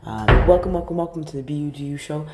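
This woman's low, expressive voice moves fast through her motivational podcast, recorded in a large bathroom with very noisy audio. Upbeat and repetitive, she relies on lots of fillers, and a slight cold leaves her with a groggy morning voice.

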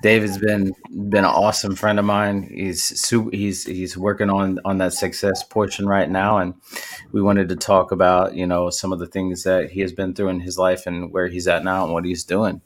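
Low-voiced American man hosting casually. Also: level tone, moderate pace. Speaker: podcast host. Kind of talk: casual chat.

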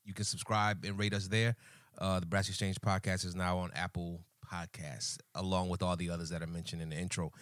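A man's voice: fairly low pitch, dry recording. A man co-hosting a podcast, giving short replies and dry teasing in casual chat. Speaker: podcast co-host.

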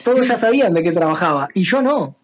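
Un hombre de San José, Uruguay, con acento uruguayo, invitado de una charla, que cuenta anécdotas de forma relajada y con mucha jerga. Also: male voice, high voice, fast. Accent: Uruguayan Spanish. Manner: relaxed storyteller, slangy, repeats phrases. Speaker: guest, singer and streamer. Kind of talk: casual chat, telling anecdotes.

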